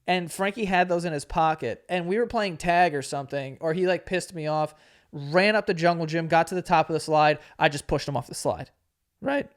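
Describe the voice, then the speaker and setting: This twenty-something podcast host has a slightly high, smooth voice and a brisk pace. Telling a story casually, he stays laid-back, curses freely, laughs a lot, and acts out quotes.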